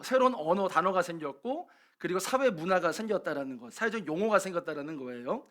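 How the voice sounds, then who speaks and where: A man's voice: high voice, a bit bright. A male pastor preaching a sermon at a church service, telling a story earnestly and building intensity at its emotional points.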